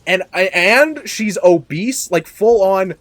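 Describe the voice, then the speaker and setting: A man's voice: high-pitched, animated, slow pace, no room sound. Young man rambling in casual chat. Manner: rambling, self-deprecating, bursts of loud exclamation. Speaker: podcast host.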